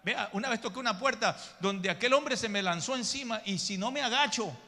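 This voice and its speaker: High, bright-voiced preaching pastor. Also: male voice, brisk, in a large hall. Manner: emphatic preacher, addresses listeners as brother, acts out quoted people. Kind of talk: sermon. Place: church sanctuary.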